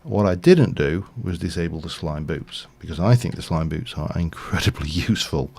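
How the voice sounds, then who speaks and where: Low gravelly man streaming. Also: expressive, normal speed, a little mellow. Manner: rambling, thinking aloud with frequent fillers. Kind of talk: casual Minecraft livestream commentary.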